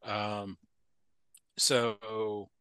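A man's voice: fairly low pitch, level tone, extremely slow, pushed and bright, clear, resonant tone, no echo. A man from the Appalachian United States, a podcast guest talking casually, thoughtful and digressive with frequent restarts. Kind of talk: casual conversation.

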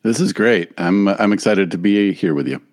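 A man's voice: deep voice, normal speed, a little mellow. A man as a podcast guest, explaining in a thoughtful, hesitant way with many fillers. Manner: thoughtful, hesitant with many ums and you-knows. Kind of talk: casual interview talk. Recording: long room reverb.

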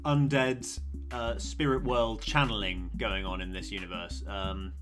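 Rambling, chatty podcast co-host. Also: male voice, lowish voice, little pitch movement, measured pace, a bit bright, soft background music. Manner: rambling, chatty, laughs often, many fillers. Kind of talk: casual podcast chat.

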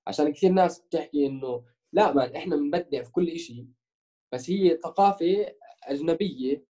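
A young man being interviewed as a musician chats casually in a Jordanian-Palestinian Levantine Arabic accent, mixing in English words. His voice is slightly high and warm, and he talks a little fast.

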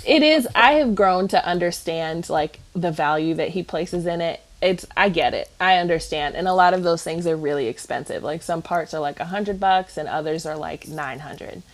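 A woman chatting casually on a podcast, telling an animated story and laughing often between thoughts. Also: fairly low pitch, normal speed, few pauses.

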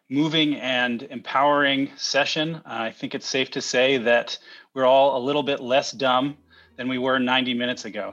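A man's voice: mid-range voice, fairly bright tone. A man co-hosting an online session, giving closing thanks in a semi-formal speaking style. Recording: dull, lo-fi webinar audio.

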